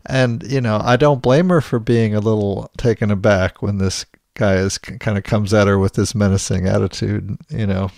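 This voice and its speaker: A man's voice: lowish voice, steady tone, moderate pace, gravelly, hardly any pauses, darkish tone, no room sound, clean studio sound. A man co-hosting a podcast in casual chat, reading book passages aloud and restarting his sentences often. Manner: hesitant, many restarts and fillers. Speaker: podcast co-host.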